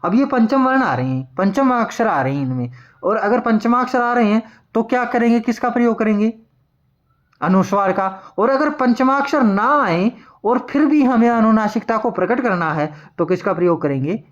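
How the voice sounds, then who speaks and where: A man teaching Hindi grammar, repeating each word slowly and answering his own questions as he writes. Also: high-pitched, dull audio. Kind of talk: classroom lesson at a board.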